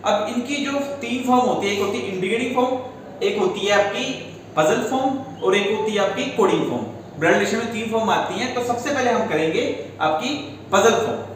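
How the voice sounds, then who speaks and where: Speaking fairly quickly in a high-sitting voice, this male reasoning teacher explains exam-prep material step by step and checks on his students, dropping Indian-accented English words into his Hindi. The mic sits far off in a very echoey room, and a little hiss or hum comes through.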